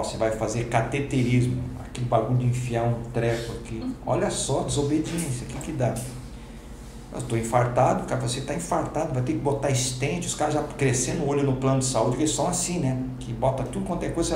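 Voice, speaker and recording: A man, a pastor, telling a personal testimony to a class, acting out each exchange in slangy, lively speech. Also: medium pitch. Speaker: pastor and teacher. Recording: roomy hall with background noise.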